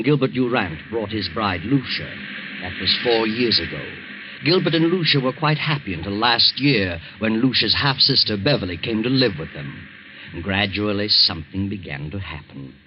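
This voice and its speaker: A man's voice: on the low side, noisy background, natural voice. An actor playing an ominous, all-knowing male narrator in a theatrical 1940s radio mystery style. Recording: muffled vintage 1940s radio recording. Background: eerie music.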